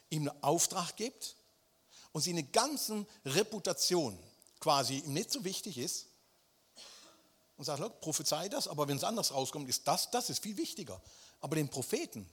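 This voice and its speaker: A man's voice: a little high, fairly bright tone, husky. A man preaching a sermon, speaking emphatically and turning often to address his listeners directly. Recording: long hall reverb.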